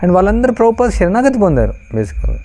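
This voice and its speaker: A man giving a storytelling devotional talk, mixing in English phrases and pausing with frequent fillers. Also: sits high, very animated, dark tone. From Andhra Pradesh. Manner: anecdotal, mixes English phrases, many fillers. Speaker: devotional speaker.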